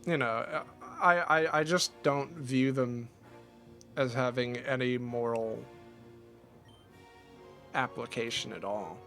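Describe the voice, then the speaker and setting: A man's voice: mid-range voice, slow, pauses often, fairly bright tone, faint music behind. A man streaming a video game and chatting casually, rambling with many restarts and laughs. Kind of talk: casual chat while gaming.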